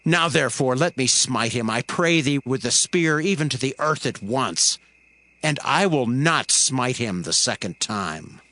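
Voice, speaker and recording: An actor playing a loyal, earnest servant soldier in a dramatized Bible, speaking formally. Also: male voice, medium pitch, animated, unhurried, sharp tone, no echo. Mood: urgent, pleading. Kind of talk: dramatized Bible reading, archaic English.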